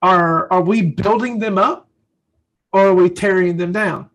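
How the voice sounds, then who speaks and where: A man's voice: high voice, unhurried, a bit bright, poor audio. A man co-hosting a faith-based parenting talk, speaking earnestly and telling stories from his own life as a father. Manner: earnest, storytelling, acts out quotes. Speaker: podcast co-host.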